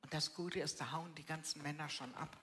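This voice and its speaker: Against a noisy background, an older woman speaks a little fast in a low, steady voice, telling her life story in a blunt, colloquial way and often tagging sentences with "ne." It's personal testimony given in a casual interview at a live church event with an audience.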